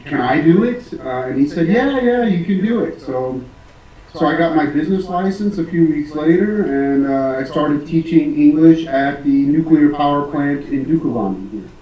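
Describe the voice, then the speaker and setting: An American man who teaches English, answering interview questions casually with many pauses, fillers and restarts. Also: on the high side, lively intonation, roomy sound, distant mic, lo-fi sound. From United States.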